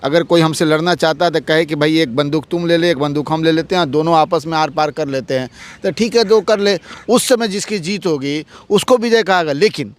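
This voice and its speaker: A man, an advocate, giving a heated political interview, arguing forcefully with repeated rhetorical questions. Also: on the high side, a little fast.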